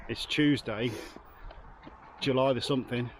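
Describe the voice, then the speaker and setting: A man's voice: medium pitch, fairly even intonation, measured pace. Chatty man vlogging outdoors. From England. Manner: chatty, jokey, narrating to camera. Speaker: vlog host. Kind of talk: casual travel vlog chat. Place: outdoors at a campsite and on walks. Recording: outdoor recording with clear background noise.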